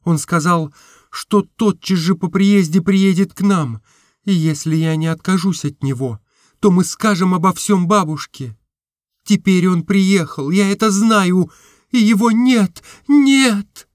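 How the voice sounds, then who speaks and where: A man's voice: sits high, measured pace, no room sound, clean studio sound, voice pushed up. A man reading an audiobook, voicing a young woman who is tearful and impassioned in her telling. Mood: distraught. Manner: rising to sobbing outbursts.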